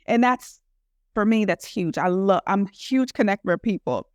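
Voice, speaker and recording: In a casual interview, a female entrepreneur from the US talks sincerely about what she does, wandering off track and filling gaps with "you know." Her mid-range voice has lively intonation and a normal speed, captured in studio quality without room sound.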